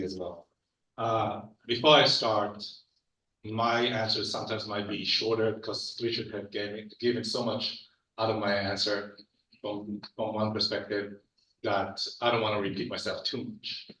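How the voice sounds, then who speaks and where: A man's voice: fairly low pitch, little pitch movement, moderate pace, bright, forceful tone. A man in his forties from Israel, speaking on a panel in an earnest, personal way with frequent restarts. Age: 40s. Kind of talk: panel talk. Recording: echoey hall from far off.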